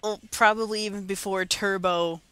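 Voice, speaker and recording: Bright-voiced teasing woman. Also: mid-range voice, fairly even intonation, moderate pace, clean tone, dry recording. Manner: teasing, laughs easily. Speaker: podcast co-host. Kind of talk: casual chat. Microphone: home computer mic.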